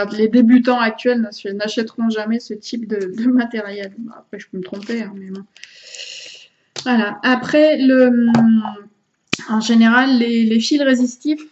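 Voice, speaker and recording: A woman with a fairly high voice talks viewers through her gear in a casual demonstration. She hesitates a lot, restarting phrases as she handles objects. The sound is dull and lo-fi, like a camera's own microphone. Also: a little mellow, a little hiss or hum. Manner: hesitant, many fillers and restarts. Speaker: vlogger showing vaping gear.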